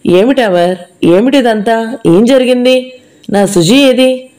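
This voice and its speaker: A woman's voice: on the high side, slow pace, darkish tone, voice pushed up. A woman reading an audio novel, voicing a grief-stricken young man who pleads and accuses in a raised, strained voice. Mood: anguished.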